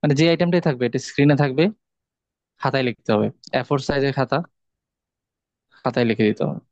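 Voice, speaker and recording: A man teaching a course, patiently explaining exam rules step by step with pauses and hesitations. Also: mid-range voice, no echo, highs cut off. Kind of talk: online class instructions.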